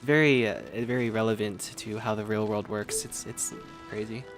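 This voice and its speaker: A man's voice: lowish voice, fairly even intonation, normal speed, over music. A male gaming streamer in casual commentary, rambling and joking about the game.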